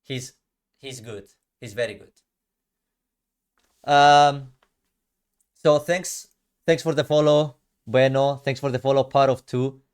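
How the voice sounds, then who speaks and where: A young Greek Cypriot streamer reviews his card game matches in a clean, medium-pitched voice with fairly even intonation. He takes it slowly and pauses often. Casual and slangy, he chats with viewers, talks to chat, and often drops to a mutter.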